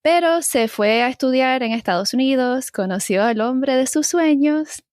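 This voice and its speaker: A young woman from Spain and Puerto Rico with a fairly high voice, chatting as a podcast guest. She is a friendly, talkative storyteller. The recording is dry and close. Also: animated, normal speed, darkish tone, no room sound. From raised in Spain and Puerto Rico. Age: young adult. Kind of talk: conversational interview.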